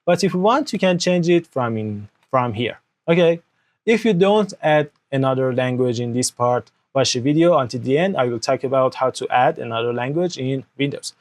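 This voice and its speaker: Seated at a desk in an indoor room, a young tutorial host whose native tongue is Persian walks through a computer process into an external microphone. He sounds animated, medium-pitched, and normal in speed, checking in with frequent "okay?"s, his grammar marked as non-native.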